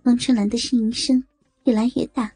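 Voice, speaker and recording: A woman narrates a story at a slow, measured pace. Her voice is fairly high but dark and mellow, with a gravelly, husky grain. The recording is dry and close, with faint music underneath. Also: little pitch movement, no room sound.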